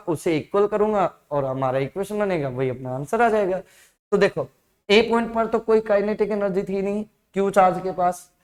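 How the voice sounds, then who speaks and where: A male physics teacher with an Indian accent, explaining exam problems step by step in an online lesson and checking often whether his students follow. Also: high-pitched.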